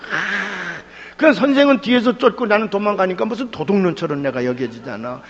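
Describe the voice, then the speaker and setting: A man preaching at a revival meeting, telling his story with animated swings and sudden outbursts in a church hall. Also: high voice, normal speed. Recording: dull echoey hall with hum.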